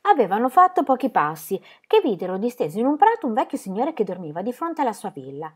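Expressive woman reading a children's book. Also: on the high side, quick pace, husky. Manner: expressive storytelling narration. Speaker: reader. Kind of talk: children's book read aloud.

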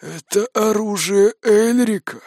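A man puts on a hunched, ancient old man who speaks in a raspy, rustling hush. His words are slow, grave and quiet. The audiobook sound is close and dry. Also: sits high, no room sound, voice pushed up.

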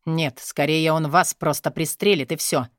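A woman's voice: low voice, fairly even intonation, moderate pace, dry recording, studio quality, close to an everyday voice. A woman voicing a short-tempered, threatening male henchman in an audiobook, barking out commands. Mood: impatient.

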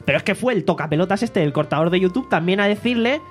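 Guy hosting a podcast from home, highish voice, swears a lot, faint music behind. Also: fast. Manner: animated, swearing, mocking. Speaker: podcast host. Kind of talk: casual podcast chat, reading listener comments. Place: home studio.

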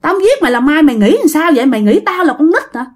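A woman's voice: medium pitch, expressive, normal speed, warm tone, husky. A woman voicing a vengeful old male ghost who threatens harshly in a raised voice. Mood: menacing.

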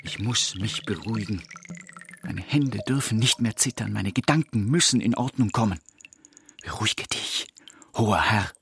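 A low, grandiose voice of a wounded, half-mad king in a radio drama. He declaims theatrically and can move between whispers and outcries. Music accompanies the monologue. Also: lively intonation, normal speed, vocal fry, a bit bright. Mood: agitated, self-soothing. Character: proud, tormented deranged king, grandiose and wounded.

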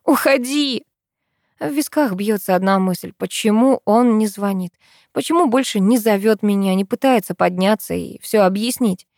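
A woman's voice: mid-range voice, normal speed, a little mellow, no echo, clean studio sound. A woman reading a first-person story aloud in an earnest, emotional way.

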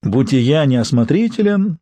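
A man reading an audiobook, voicing a wealthy older gentleman who talks in a smooth, sly, teasing way. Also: medium pitch, sing-song, normal speed, no echo, natural voice.

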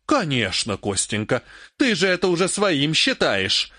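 A man reading an audiobook, voicing a furious, grasping old woman mage in a raised, shrill, scolding voice. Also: very animated, a little slow, pushed and bright, dry recording, studio quality, heavily acted. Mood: grumbling menace. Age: older.

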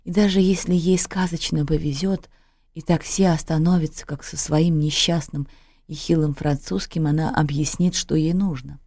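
A woman reading a literary story aloud in a measured, expressive way. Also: sits low, no room sound, clean studio sound. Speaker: audiobook narrator.

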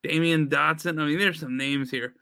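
A man with a slightly high, bright voice co-hosting a casual podcast, recorded dry and close. He makes dry teasing remarks between lists of names. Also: steady tone, normal speed, creaky, dry recording. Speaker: podcast co-host. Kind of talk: casual chat.

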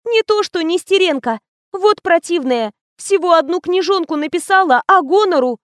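A woman's voice: very high voice, lively intonation, moderate pace, no echo, studio quality, pitched above the performer's own voice. A woman reading an audiobook, voicing a silly, gushing young female PR assistant in a whiny, chattering manner.

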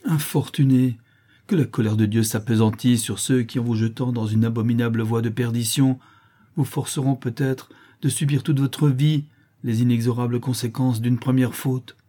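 A man's voice: mid-range voice, fairly even intonation, normal speed, warm tone, close to an everyday voice. A man reading the part of an old priest, solemn and consoling, in an audiobook. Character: old priest, grave and sad, kindly.

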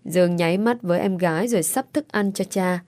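A woman narrates a story in a steady, even reading voice. Her voice sits slightly low and sounds dry and close to the microphone. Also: a little fast, no echo.

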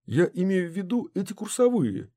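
Reader doing an excitable professor guy, pitch jumping around, audiobook. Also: moderate pace, no room sound, clean studio sound. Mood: eager. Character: middle-aged male professor, eager and excitable.

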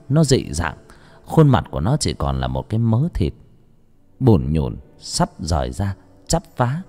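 Low-voiced man narrating a horror tale. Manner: dramatic, expressive storytelling. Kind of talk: scripted audiobook narration.

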